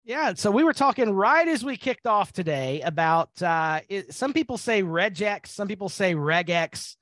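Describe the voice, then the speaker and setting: High-voiced upbeat man hosting a webinar. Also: lively intonation, moderate pace, fairly bright tone, no echo. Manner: upbeat, conversational, many fillers. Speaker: host of a live training webinar.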